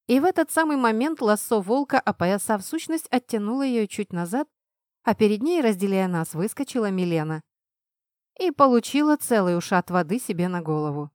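A woman's voice: mid-range voice, moderate pace, no echo. Woman narrating an audiobook, dry close sound. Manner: expressive, acted reading.

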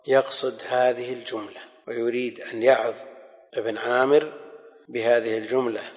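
A man teaching a scholarly lesson in a measured, explanatory manner, often repeating key phrases. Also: medium pitch, darkish tone. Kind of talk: recorded lecture commentary. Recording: long hall reverb.

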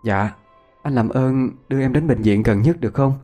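A man doing a soft-spoken young woman's ghost. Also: mid-range voice, moderate pace, in a large hall, faint music behind, natural voice. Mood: mournful.

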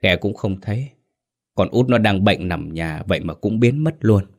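Brief: a man doing a frightened old fish farmer, stammering, quick and anxious, low voice. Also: expressive.

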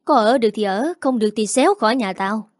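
A woman's voice: fairly high pitch, fast talker, no room sound, studio quality, lightly acted. A woman reading a storybook voices a harsh older mother-in-law who scolds in a biting, accusing tone. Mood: scolding.

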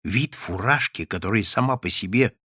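A man narrating a classic novel as an audiobook reader, lively and expressive. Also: lowish voice, normal speed, slightly rough, dry recording, studio quality.

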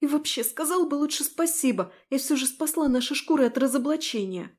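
Lady doing feisty young heroine voice, higher up, mellow, storybook. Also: expressive, a little fast. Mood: indignant. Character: pleading, spirited young heroine. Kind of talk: audiobook character voice.

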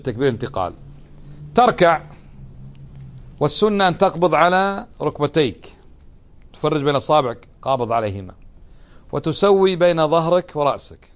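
A man teaches a religious lesson, his voice sitting a little high. He talks in plain dialect and keeps putting questions to his students. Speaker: Islamic teacher.

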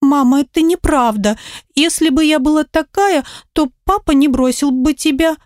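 A woman's voice: high-pitched, fairly even intonation, slow pace, darkish tone, no echo, clean studio sound, voice pushed up. A woman reading an audiobook, voicing a small girl who pleads in a trembling, tearful voice.

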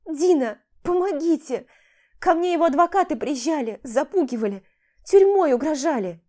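A woman narrator voicing a young pregnant mistress who pleads in a high, tearful voice. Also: expressive, brisk, mellow, natural voice. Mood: pleading, tearful. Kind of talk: audiobook character voice.

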